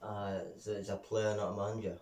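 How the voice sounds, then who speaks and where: A young man with a fairly low voice chats casually in a laid-back way and laughs a lot. He sits at some distance from the mic, and his voice sounds roomy and echoey. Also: flat delivery, brisk, a little mellow. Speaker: YouTube co-host. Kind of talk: casual chat.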